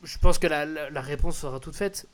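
A man's voice: fairly high pitch, steady tone, a little fast. A man hosting a casual music chat show, hesitant and repeating words as he leads the talk. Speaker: host.

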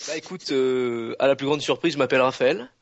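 Young male guest, mid pitch, laid-back and halting, dull dry call audio. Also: no echo. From France. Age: young adult. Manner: hesitant, many fillers, laid-back. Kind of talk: casual chat over a call.

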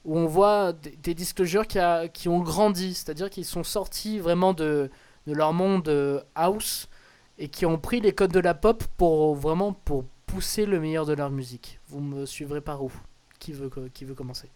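A man's voice: on the high side, fairly even intonation, normal speed, darkish tone. A man hosting a casual music chat show, hesitant and repeating words as he leads the talk. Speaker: host.

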